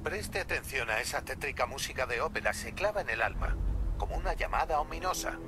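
A man's voice: medium pitch, expressive, fairly quick, natural voice. A man playing a loyal older butler in a dubbed game, polite and formal with a dry irony. He addresses his employer courteously. Game music sits behind him. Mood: solemn. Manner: formal, courteous, dryly ironic. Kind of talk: Spanish game dub.

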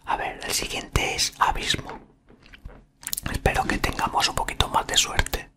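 A man in his thirties reads from a book in a breathy ASMR whisper, murmuring haltingly very close to the microphone. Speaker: ASMR content creator. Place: small room indoors. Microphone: desktop condenser microphone, very close.

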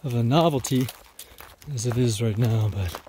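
A man's voice: medium pitch, moderate pace, mellow, a little hiss or hum. A man vlogging casually on a forest trail, rambling with many fillers. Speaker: thru-hiker vlogger.

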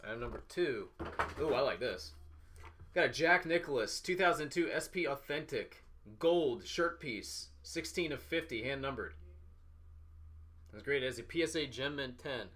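In unboxing commentary for a sports card box-break show, a man in his thirties calls out every item with short, clipped phrases from a small office. He has a medium-pitched, somewhat bright voice with lively intonation at a normal speed.

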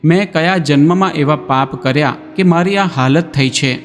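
A sorrowful, pleading old man, voiced by a male narrator in a storybook tale. The voice sits a little high and carries long reverb, with soft music underneath. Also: moderate pace, natural voice. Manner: imploring, tearful pleas.

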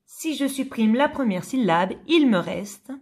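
A woman teacher giving a slow phonics lesson to young children, carefully sounding out and repeating each word. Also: a little high, lively intonation, husky.

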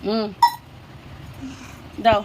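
A woman's voice: very slow, muffled recording, background noise. A woman vlogging at home, narrating her day and patiently guiding her child through chores with repeated instructions. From Bengal. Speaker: mother vlogger. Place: home, indoors.

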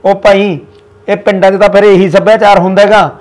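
Stern older village patriarch, played by a man, Punjabi accent, high-pitched scolding. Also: level tone, quick pace, a little mellow, natural voice. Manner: scolding, lecturing. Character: older village father-in-law, stern about family honour. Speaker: father-in-law in a village family.

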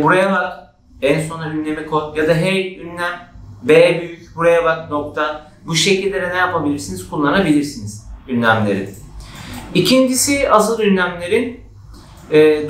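Male teacher, lively, slightly high voice, echoey classroom sound. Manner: lively, acts out example shouts with raised pitch. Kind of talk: exam-prep grammar lesson. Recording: echoey room.

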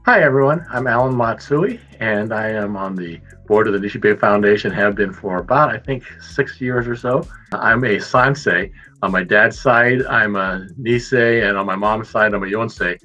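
A man's voice: on the low side, normal speed, bright, forceful tone. A man from San Francisco, a board member, introducing himself in a friendly, chatty way in an office. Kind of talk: casual introduction. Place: office wall with banner. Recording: dull lo-fi audio with faint music.

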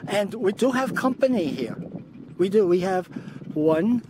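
An older man chatting casually to his handheld camera outdoors on a rocky beach, relaxed and talking to his dog now and then. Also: high-pitched, unhurried, background noise. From Scotland. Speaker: vlogger. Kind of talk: casual hiking vlog to camera. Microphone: camera held at arm's length.

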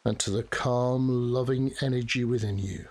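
A man narrating a guided relaxation meditation in a soft, soothing, measured manner with long pauses. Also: medium pitch. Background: steady rain.

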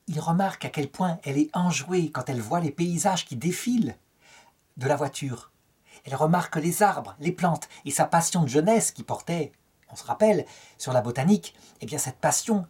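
Very smooth-voiced French man lecturing. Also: on the high side, darkish tone. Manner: storytelling, quotes dialogue with lifted tone. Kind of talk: spoken lecture on a saint's life.

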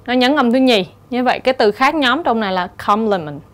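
A woman's voice: a little high, animated. Vietnamese woman teaching English pronunciation. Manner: explains rules step by step, reads English examples slowly. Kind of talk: exam-prep lecture.

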